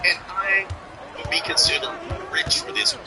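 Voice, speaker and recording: In a casual, opinionated livestream rant, a male host in his forties speaks bluntly and profanely. His high voice is very animated at a normal pace, set over music with a crowd audible behind him.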